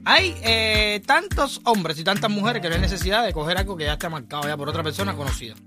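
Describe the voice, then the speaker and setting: A man co-hosting a morning radio show, joking and bantering quickly. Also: sits high, lively intonation. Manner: fast, joking, exclamatory. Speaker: radio co-host. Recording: radio broadcast with music bed.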